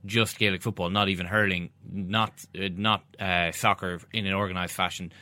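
A man's voice: sits low, fairly even intonation, normal speed, sharp tone, no echo. A man with a west of Ireland accent giving emphatic opinions in a casual sports discussion. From Galway, west of Ireland. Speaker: sports podcast co-host.

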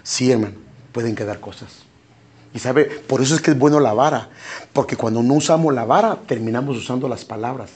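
Husky-voiced man preaching a sermon. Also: medium pitch, fairly quick, a little mellow. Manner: emphatic, repeats phrases and keeps addressing listeners as brother. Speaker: pastor.

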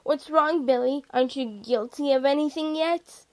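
A woman voicing a loud, mocking young male rival driver. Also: high-pitched, normal speed, natural voice.

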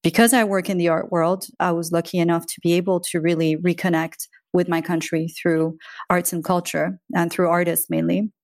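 Low flat reflective woman in her 40s. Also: creaky, no room sound, clean studio sound. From Iran. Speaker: interview guest. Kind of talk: conversational interview.

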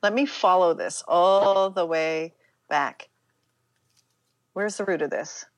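A middle-aged woman from Pittsburgh, Pennsylvania, speaks reflectively as an interview guest, halting and emphatic, often acting out her own inner dialogue. Her voice is on the low side, with no room sound.

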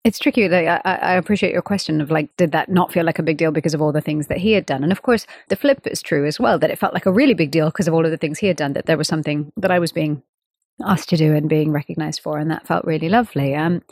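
Low gravelly-voiced woman in her thirties. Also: darkish tone, no room sound, clean studio sound. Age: 30s. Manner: thoughtful, measured, laughs easily. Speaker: interview guest, sitar player. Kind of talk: relaxed conversational interview.

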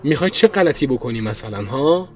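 A man voicing a terrified, desperate captive who pleads and shouts in panic. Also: mid-range voice, animated, close to an everyday voice. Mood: defiant.

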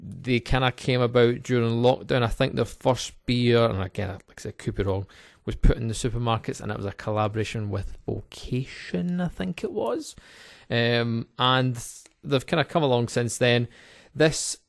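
An informal, chatty man hosts a podcast review. His mid-pitched voice has some creak to it, and it is recorded dry and close. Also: normal speed, no echo. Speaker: podcast host and beer reviewer. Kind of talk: casual podcast beer review.

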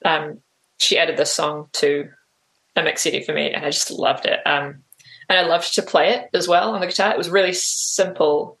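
This interview guest is a New Zealand woman whose low-pitched, fairly bright voice keeps a fairly even intonation at normal speed. Her casual answers come out hesitantly, packed with "like" and "um" fillers.

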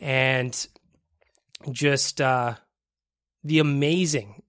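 A man's voice: medium pitch, fairly even intonation, very slow, a bit bright, clear, resonant tone, no echo, clean studio sound. A man hosting a casual sports podcast solo, sounding slightly nasal, phlegmy and congested, talking informally with repeated phrases for emphasis. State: mildly congested with a cold-like illness. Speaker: podcast host. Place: small home basement studio.

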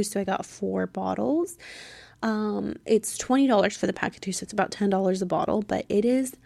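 20s woman podcast host, chatty n informal, soft whispery close-up voice right in your ear, dry recording. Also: mid-range voice, creaky, dry recording. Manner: chatty, informal, filler-heavy. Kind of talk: casual solo podcast chat.

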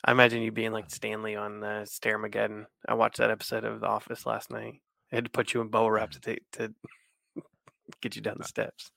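A man's voice: lowish voice, monotone, a little fast, creaky, pushed and bright, no echo. A congested man with a nasal voice, chatting casually as a podcast co-host. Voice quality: nasal from allergies. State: congested with allergies. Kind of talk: casual chat.

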